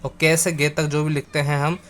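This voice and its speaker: A man teaching a grammar lesson, going over words slowly and again and again, spelling them out letter by letter and speaking to viewers as friends. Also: fairly high pitch, flat delivery, fairly bright tone, a little hiss or hum.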